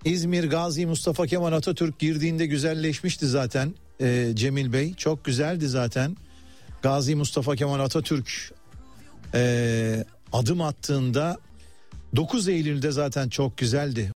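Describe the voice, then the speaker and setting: A man's voice: fairly high pitch, normal speed, a little mellow, faint music behind. A man presenting live radio news with commentary, addressing listeners in a hesitant, conversational way and turning to colleagues mid-broadcast.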